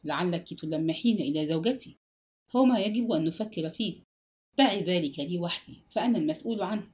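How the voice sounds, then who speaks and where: A woman's voice: on the low side, quick pace, pitched below the performer's own voice, natural voice. Woman voicing a gloomy aging man in love. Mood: earnest. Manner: earnest, apologetic. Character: aging lovestruck male clerk, earnest and gloomy.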